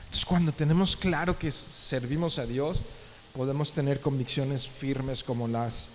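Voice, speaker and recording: A man's voice: medium pitch, fairly even intonation, normal speed, slight background noise. A male pastor giving a verse-by-verse sermon, talking to the congregation conversationally and often asking rhetorical questions. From Mexico. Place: church sanctuary. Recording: long church reverb.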